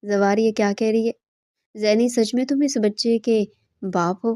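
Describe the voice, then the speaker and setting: A furious middle-aged mother, played by a woman reading the story accuses and berates her daughter. The voice stays mellow and unforced. The recording is dry and close. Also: on the high side, fairly even intonation, no room sound, close to an everyday voice. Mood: scolding. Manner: scolding, accusing.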